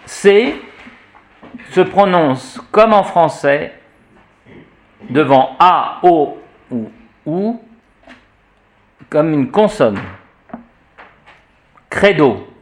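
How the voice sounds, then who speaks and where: A male teacher leads a pronunciation lesson, speaking slowly with a slightly raised pitch. He spells out letters one by one and repeats each example word, pausing on fillers as he thinks. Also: lively intonation. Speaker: teacher of church Latin pronunciation. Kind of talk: classroom lesson.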